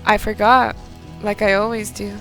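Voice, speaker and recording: A woman hosting a gaming video, excitably thinking aloud in casual commentary as she builds. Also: medium pitch, normal speed, faint music behind, low-quality recording.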